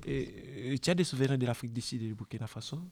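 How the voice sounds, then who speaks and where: A man from Kinshasa, asking measured, halting interview questions. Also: medium pitch, a little mellow. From DR Congo, Kinshasa. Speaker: interviewer in a radio workshop.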